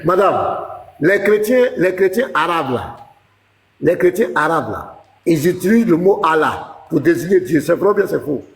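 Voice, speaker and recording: A man's voice: on the high side, lively intonation, normal speed, reverberant, in a large hall. A man, a pastor, arguing in a heated religious debate, lecturing insistently and talking over the woman he debates. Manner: lecturing, insistent, talks over the other speaker.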